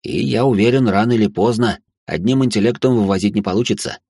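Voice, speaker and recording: A man's voice: on the low side, quick pace, gravelly, mellow, husky, no echo, studio quality. A man narrating a novel in first person, with a wry, conversational inner monologue. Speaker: audiobook narrator.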